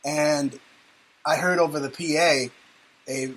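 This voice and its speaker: Sardonic talk radio host, bright voice. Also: male voice, fairly high pitch, fairly even intonation, takes it slowly, poor audio. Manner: rambling, sardonic, joking. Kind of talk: casual talk radio banter.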